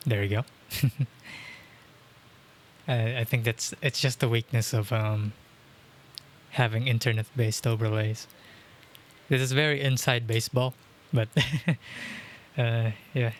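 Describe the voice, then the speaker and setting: Speaking slowly and steadily with long pauses, a young man in the mid range chats casually while gaming on a livestream. He rambles, fills gaps with filler words and chuckles often, recording on a dynamic mic at home with game music and slight background noise.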